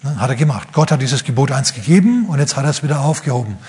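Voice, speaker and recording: A man's voice: medium pitch, expressive, darkish tone, breathy edge. A man preaching a sermon who retells a Bible story vividly and briefly acts out the figures in the story. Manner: acts out the figures in quick asides.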